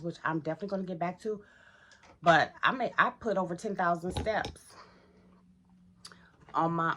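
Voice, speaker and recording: Chatty woman with a low voice. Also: a bit bright. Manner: chatty, addresses viewers as y'all. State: groggy morning voice. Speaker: vlogger. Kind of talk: casual get-ready-with-me vlog.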